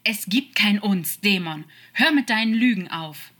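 Woman doing a scornful icy angel, contemptuous and hard, bright husky voice, storybook reading. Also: mid-range voice, lively intonation, unhurried, pitched above the performer's own voice. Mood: furious. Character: cold, scornful angel with a flaming sword. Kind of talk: audiobook fan-fiction reading.

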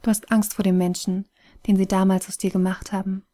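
A woman voicing a weary, wise phoenix spirit that is fading away, speaking calmly and softly in an audiobook reading. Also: medium pitch, fairly quick, close to an everyday voice. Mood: gentle, sorrowful.

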